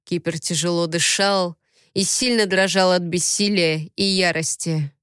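A woman reading a story aloud as narrator, in a steady, even manner. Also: fairly low pitch, measured pace, clear, resonant tone, no echo, clean studio sound. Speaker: audiobook narrator. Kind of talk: scripted narration.

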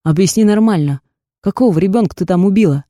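A woman voicing a hot-tempered young man, a blunt, gruff boyfriend who shouts in anger. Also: mid-range voice, fast talker, no echo, clean studio sound, natural voice. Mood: stern.

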